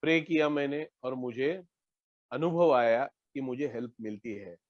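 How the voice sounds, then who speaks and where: A man's voice: medium pitch, normal speed, no room sound, muffled recording. A man from India with a Mumbai Hindi accent, telling his recovery story in an online meeting and acting out both sides of his phone talks. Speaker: AA member sharing recovery story. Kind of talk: personal testimony in an online meeting. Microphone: online call mic.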